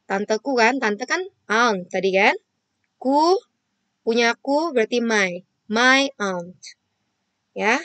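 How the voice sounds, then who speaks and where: A woman's voice: a little high, no echo. Woman, primary school teacher, patient step-by-step explaining, dry close sound. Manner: patient, explains step by step to kids, asks and answers her own questions. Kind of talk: online children's lesson.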